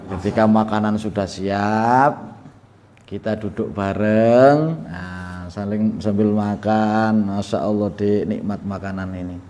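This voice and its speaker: A man's voice: lowish voice, darkish tone. A man giving a humorous religious lesson, chatty and laughing often as he acts out little dialogues. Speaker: religious teacher. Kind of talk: sermon.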